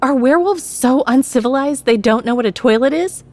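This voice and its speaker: A woman voicing a sarcastic, grudge-holding young woman who snaps and sneers, in an audio drama with soft music behind. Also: high-pitched, unhurried, pitched above the performer's own voice.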